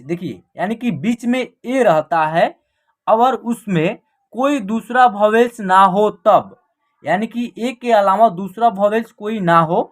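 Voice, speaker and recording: Woman teacher quizzing her class. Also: mid-range voice. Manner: spells words letter by letter and asks quick rhetorical questions; repeats "ठीक है" as a check-in. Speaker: English teacher. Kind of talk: online classroom lesson.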